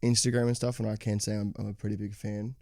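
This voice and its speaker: A man's voice: on the low side, little pitch movement, fast talker, darkish tone, dry recording, clean studio sound. A man hosting a casual podcast interview, talking with many hesitant "sort of" fillers. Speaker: podcast host.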